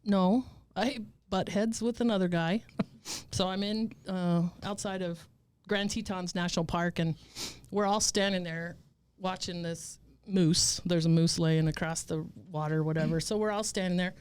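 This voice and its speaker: A woman in her fifties telling stories as a guest in a casual interview, blunt, profane and animated. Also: on the low side, normal speed, clean tone. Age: 50s. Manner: animated storytelling.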